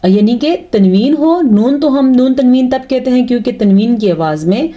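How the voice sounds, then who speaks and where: A woman teaching Quran recitation rules, explaining patiently step by step and chanting the examples slowly and drawn out. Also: a little high, expressive, warm tone, dull audio. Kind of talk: tajweed lesson with slow recited examples.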